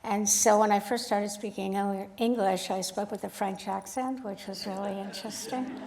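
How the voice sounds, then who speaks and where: A woman photographer speaks at an art club in a casual, chatty way, telling her story with animated energy and acting out the other people's lines. Her voice sits in the middle of the range. The room is echoey and reverberant. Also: medium pitch, normal speed, vocal fry. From United States, grew up in Sacramento. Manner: chatty, animated, acts out quoted dialogue. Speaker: photographer giving a guest talk.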